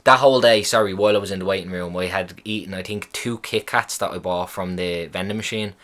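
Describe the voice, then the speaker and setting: A man's voice: sits low, a little fast. A young man casually telling a story on his podcast, swearing freely and acting out what people said. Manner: profane, animated retelling of a hospital visit. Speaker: podcast host.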